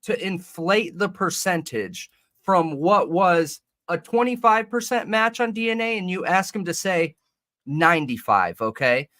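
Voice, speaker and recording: His high-pitched voice is expressive, bright and forceful, delivered unhurriedly as he co-hosts a livestreamed podcast. He chats casually and rambles, restarting mid-thought, through a desk mic with a slight metallic ring.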